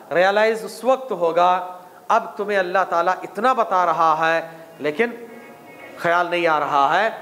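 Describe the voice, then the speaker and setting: A man with an Indian accent teaching a Quran commentary class, slowly explaining Arabic words and repeating them. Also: high voice, a bit bright, big-room sound. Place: mosque hall.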